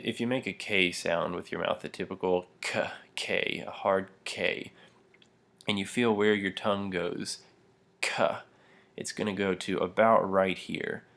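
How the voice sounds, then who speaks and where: Demonstrating throat sounds in a step-by-step pronunciation lesson, this young language teacher laughs lightly and uses plenty of fillers. He speaks with a low pitch and vocal fry.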